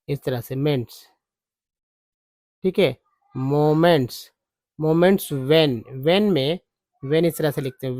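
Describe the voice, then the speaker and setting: A man teaching English reading, spelling words out slowly and repeating each one several times. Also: on the high side, a little mellow, no room sound, clean studio sound. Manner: slow, repeats words letter by letter. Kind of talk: spelling and pronunciation lesson.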